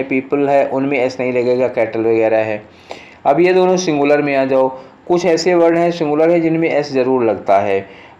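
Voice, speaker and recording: A man teaching English grammar for exam prep. He explains patiently, often checks in with his students, and reads the test sentences aloud very slowly. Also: fairly high pitch, darkish tone. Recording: slightly dull lo-fi sound.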